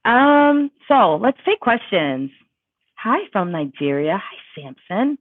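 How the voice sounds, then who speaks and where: Reading viewer questions aloud on a relaxed livestream, this woman vocal coach answers emphatically and chattily, using lots of fillers. She speaks slowly at a medium pitch with big swings in intonation, captured in a tinny, dry, phone-like recording.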